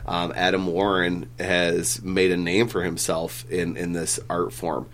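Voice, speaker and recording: A man's voice: low-pitched, completely flat delivery, a little slow, a bit bright, a little hiss or hum. A man hosting a casual podcast chat, rambling with lots of fillers and the odd swear. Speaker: comic book podcast host.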